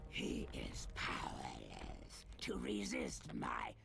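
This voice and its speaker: A man's voice: rumbling low, wildly swooping pitch, takes it slowly, gravelly, heavily acted. A man playing a vengeful, imperious ancient dragon in a video game, with a growling, hissing, menacing dragon voice and grandiose delivery. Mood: menacing boast. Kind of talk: video game villain acting. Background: loud game music.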